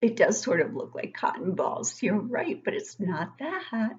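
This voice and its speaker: This is a middle-aged woman at home in her living room, hosting a read-aloud of a picture book for young children and cheering them on with questions and exclamations. Her medium-pitched voice moves through big pitch changes at a measured pace. A webcam at desk distance picks her up, and the recording is dull.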